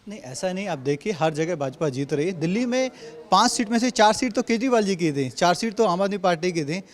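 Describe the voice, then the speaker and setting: A man's voice: high voice, animated, a little fast. A man from Delhi, a party spokesperson, answering interview questions assertively and hammering his points home in Hindi with a Delhi accent. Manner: assertive, repetitive rhetorical points.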